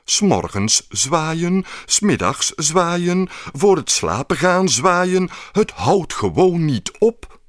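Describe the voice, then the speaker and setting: A man voicing a stern, bossy queen in a children's story, his voice pitched high and pushing hard. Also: sing-song, slow pace, no echo, studio quality. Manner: strict and exasperated, rising high.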